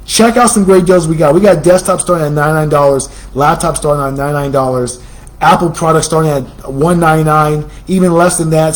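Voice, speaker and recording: A chatty American man runs a casual promotional talk for a computer shop. His voice sits fairly high for a man, and he repeats phrases as he pitches deals. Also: poor audio. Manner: chatty, repetitive, salesy. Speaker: computer store host.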